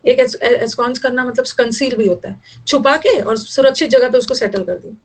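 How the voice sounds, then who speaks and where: A woman's voice: on the high side, fairly quick, husky, low-quality recording. A young woman teaching English vocabulary in Hindi, explaining word meanings and teasing her students a little. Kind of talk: online vocabulary lesson.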